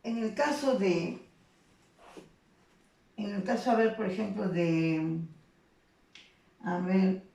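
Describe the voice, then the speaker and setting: A woman teaching a grammar lesson to secondary students, with a mellow, gravelly voice. She explains patiently and keeps checking in with short tag questions. The sound is roomy and echoing, with her voice set back from the mic. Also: medium pitch, slow, pauses often, distant mic. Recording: echoey room, voice off the mic.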